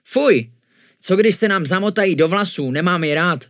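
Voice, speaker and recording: A man's voice: sits high, lively intonation, dry recording, clean studio sound, pitched above the performer's own voice. A man voicing a squeamish, sulky young ghost in a storybook reading, with a whiny raised voice. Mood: disgusted.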